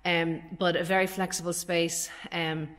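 Walking through a vacant commercial unit of big, bare rooms, a chatty Irish woman in her forties, an estate agent, explains the space informally. Her voice is lowish and a bit bright, with little pitch movement and a measured pace.

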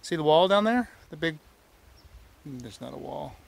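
A man's voice: fairly high pitch, animated, unhurried, vocal fry, very noisy. A man narrating a casual travel vlog outdoors, filmed with a camera held at arm's length, upbeat and chatty. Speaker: vlogger. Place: outdoors in a desert park. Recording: music playing loudly over it.

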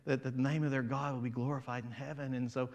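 A man preaching an animated sermon as pastor, swinging from loud to quiet and acting out crowd voices. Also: medium pitch, fast.

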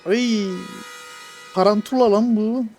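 Guy gaming, excitable and joking, talks to the characters, faint music behind. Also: high-pitched, slow pace. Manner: jokey, excitable, banters with game characters. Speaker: gamer. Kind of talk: let's play commentary.

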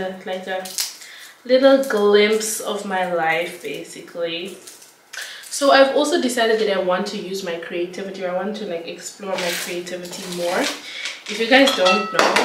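In a home kitchen, a young woman vlogger with a medium-pitched voice chats casually for her cooking vlog, rambling with plenty of filler words. The recording is noisy and echoey, picked up by a distant camera mic amid kitchen clatter.

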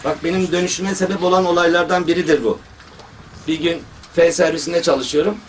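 A man who works as a surgeon shares stories from the operating world in a religious talk, animatedly voicing the people he quotes. He pitches on the high side and moves a little fast, picked up by a faraway mic with slight background noise.

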